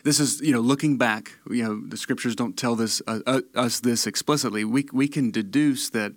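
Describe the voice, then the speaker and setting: A man's voice: mid-range voice, moderate pace, no room sound, studio quality. A man from Tennessee with a Tennessee accent, hosting and teaching the Bible in a casual storytelling way, often repeating words.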